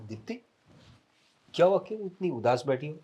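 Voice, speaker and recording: An actor playing a caring elder brother who consoles his upset wife gently and earnestly. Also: a little high, sing-song, normal speed, husky, muffled recording. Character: caring elder brother and husband, adult man. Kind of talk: scripted family drama acting.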